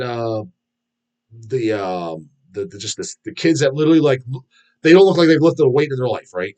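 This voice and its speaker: A man answering viewer questions on a casual live stream, rambling and swearing often, with blunt, mocking opinions and lots of restarts. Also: medium pitch. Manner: rambling and heavily profane, many restarts and fillers; blunt, mocking gym talk.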